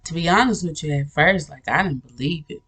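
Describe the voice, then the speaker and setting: A woman's voice: deep voice, brisk, fairly bright tone, slightly rough. A woman hosting a spiritual channel, telling about a vision in a casual, rambling way, with many restarts and frequent laughter. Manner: earnest, storytelling.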